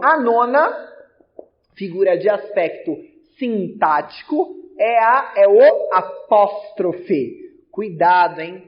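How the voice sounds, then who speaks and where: Male teacher, São Paulo accent, high voice, patient step-by-step explainer, lo-fi video lesson sound. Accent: São Paulo Portuguese. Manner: explains with repeated examples and checks in with the class.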